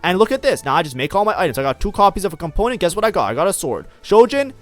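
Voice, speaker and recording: Male streamer, animated pitch, slightly high voice, casual game commentary, lots of fillers, faint music under. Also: very fast. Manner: chatty, lots of fillers like "like, you know". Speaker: game streamer reviewing his own match.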